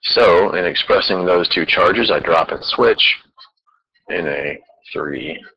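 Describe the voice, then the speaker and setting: A man's voice: deep voice, slow, gravelly, husky, muffled recording. A man teaching chemistry in a recorded lecture, explaining patiently step by step.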